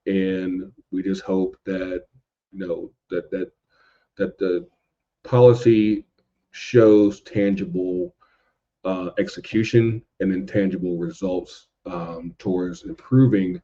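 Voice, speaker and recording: An American man speaks as a podcast guest in a low, warm voice, keeping a level tone and a slow pace. His chat is casual, slangy and informal, and he often repeats phrases for emphasis. The recording is dull and lo-fi.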